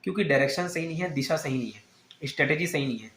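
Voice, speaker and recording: A man's voice: a little high, lively intonation, quick pace, fairly bright tone, slight background noise. A man who teaches exam coaching, giving a direct, earnest and persuasive talk to students. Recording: echoey room.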